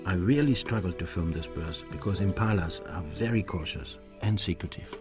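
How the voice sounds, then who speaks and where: A man's voice: sits low, normal speed, over loud music. A middle-aged man, a wildlife filmmaker, giving first-person narration in a nature documentary.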